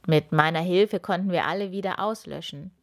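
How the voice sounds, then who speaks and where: A woman's voice: lowish voice, close to an everyday voice. Woman doing a grumpy old hermit wizard. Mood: gruff. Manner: slow, gruff grumbling. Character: gaunt old male wizard, grumpy, slow-spoken.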